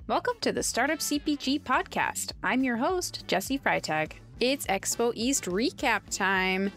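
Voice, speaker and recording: A woman's voice: a little high, lively intonation, measured pace, fairly bright tone, faint music behind. A woman hosting a podcast, reading an upbeat scripted intro and then chatting with guests. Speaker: podcast host.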